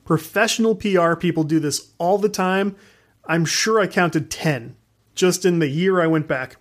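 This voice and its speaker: A man's voice: on the high side, moderate pace. A man hosting a podcast in a casual monologue, ranting frankly, laughing often and swearing freely. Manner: animated, laughs while talking. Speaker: podcast host.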